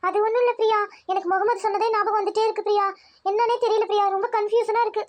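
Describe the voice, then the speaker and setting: Woman voicing a high, rapid college girl. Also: flat delivery, a little mellow. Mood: troubled. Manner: pleading, anxious. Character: young female college student Aishu, torn. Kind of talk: Tamil cartoon voice acting.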